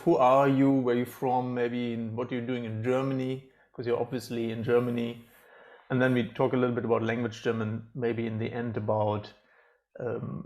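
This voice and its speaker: Gravelly-voiced male interview host. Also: medium pitch, darkish tone. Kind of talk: casual interview.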